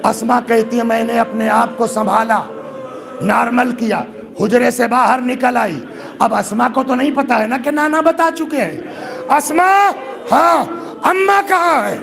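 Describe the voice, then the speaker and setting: A man from India preaching a majlis sermon to mourners. He asks the listeners rhetorical questions, and his voice swells into loud grieving cries. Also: very high-pitched, vocal fry. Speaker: Shia cleric addressing a majlis. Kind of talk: majlis sermon rising to a lament. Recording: live gathering with crowd noise. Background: audience of mourners.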